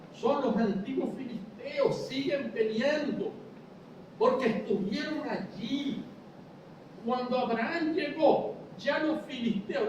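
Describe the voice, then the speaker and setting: Male pastor, high voice, sermon style, heavy church-hall echo, off-mic. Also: distant mic, highs cut off, noisy background. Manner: explanatory preaching, rhetorical questions, addresses listeners as brother.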